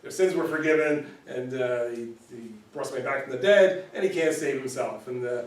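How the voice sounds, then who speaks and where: Speaking fairly quickly in a medium-pitched voice, a man runs a casual Bible study in a church room. His explanations are chatty and full of repeated words and frequent "right?" check-ins, captured from far away with a roomy echo.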